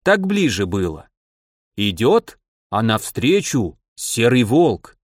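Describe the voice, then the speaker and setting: A man reading a gruff, wry man dressed as Grandfather Frost who tells the children a tale in a dry, drawling way. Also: mid-range voice, big pitch swings, takes it slowly, no echo.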